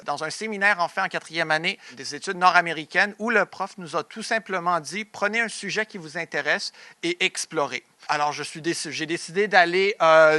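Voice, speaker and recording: A young doctoral researcher from Montreal, Quebec, Canada, presents at an academic conference in a high, sharp voice with a Québécois French accent. He often hesitates and restarts his sentences, and the recording is dry.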